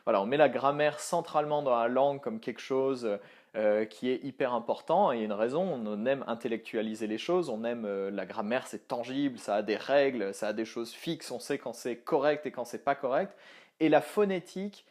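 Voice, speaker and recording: A man's voice: medium pitch, normal speed. Young man, language coach, chatty video lesson, many fillers and restarts. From France. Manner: animated, thinking aloud with many fillers and restarts. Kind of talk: casual online video lesson.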